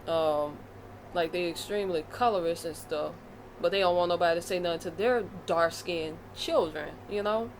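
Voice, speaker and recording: A woman's voice: lowish voice, normal speed, a little hiss or hum. An American woman vlogging a casual commentary rant, blunt and profane, with a fired-up delivery. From United States.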